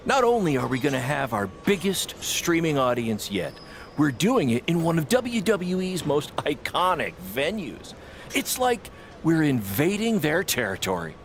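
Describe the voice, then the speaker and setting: In a video game cutscene, an actor voices an excitable wrestling promoter who talks fast with a salesman's manner. His fairly high voice sounds proud and upbeat, with clear background noise in the recording.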